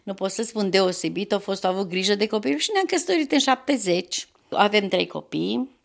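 An older woman in her sixties with a gravelly, creaky voice tells her faith story in an interview. She speaks earnestly and devoutly, and her voice climbs at the emotional peaks. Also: medium pitch, animated. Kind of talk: emotional personal testimony.

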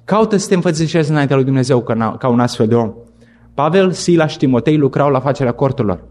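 A man's voice: animated, darkish tone, a little hiss or hum. Earnest man preaching a sermon. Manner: earnest, emphatic preaching that rises and falls in pitch.

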